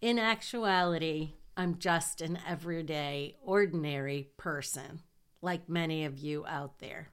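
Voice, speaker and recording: On her podcast, a southern Michigan woman in middle age delivers a relaxed personal monologue in a deep, nasal voice that's clear and resonant. She talks slowly and chattily, poking fun at herself with little laughs.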